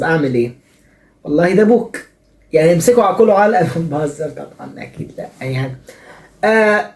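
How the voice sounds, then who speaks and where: His voice sits high but stays mellow and relaxed as this young adult, who has an Egyptian Arabic accent, hosts a funny advice show at a brisk pace. He teases with playful sarcasm, and the space around him adds clear echo.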